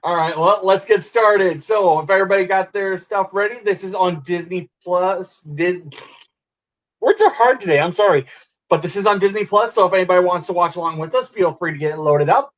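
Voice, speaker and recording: A man's voice: sits high, a little fast. A man hosting a casual watch-along chat, rambling and laughing often, heard over a distorted internet call. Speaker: podcast host. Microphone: laptop on video call.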